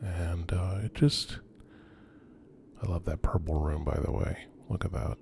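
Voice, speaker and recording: A man with a very low, mellow voice narrates an exploration tour off the cuff. He speaks slowly and haltingly, musing as he goes and often sinking toward a murmur. Faint background noise sits behind him. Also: fairly even intonation, vocal fry. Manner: hesitant, halting, musing delivery with trailing phrases. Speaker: video host and urban explorer. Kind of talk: unscripted narrated tour of abandoned houses. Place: on location at night around abandoned row houses. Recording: noisy ambient location recording.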